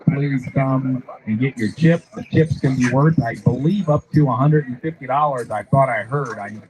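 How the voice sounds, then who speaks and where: A man's voice: mid-range voice, normal speed, a little mellow, low-quality recording. A man announcing drag races at a live event, calling out names, times and speeds. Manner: calls names and times over a PA. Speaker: race announcer. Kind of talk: live race-track announcing.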